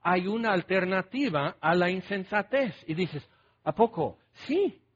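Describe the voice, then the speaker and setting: A man's voice: high voice, animated, unhurried, fairly bright tone, highs cut off, a little hiss or hum. A man preaching a sermon in a conversational way, firing rhetorical questions and mock-quoting his listeners' replies.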